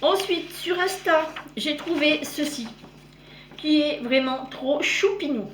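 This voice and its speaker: At a slow pace and in a high-pitched voice, a woman wanders through a casual cross-stitch show-and-tell, frequently catching and correcting herself. She calls her viewers "girls" warmly. The recording is roomy and echoey, with slight background noise.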